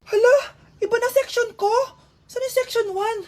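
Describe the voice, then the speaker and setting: A woman's voice: very high-pitched, fairly even intonation, moderate pace, music in the background. A woman performing comedy skits, playfully switching between character voices. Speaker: comedy skit creator. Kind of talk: comedy skit acting.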